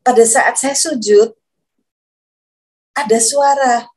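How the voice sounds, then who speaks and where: Woman, high voice, hesitant emotional storyteller, for a personal testimony read. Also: takes it slowly, a little mellow. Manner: hesitant, repeats herself, searches for words; emotional, voice rises when moved. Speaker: guest giving a conversion testimony.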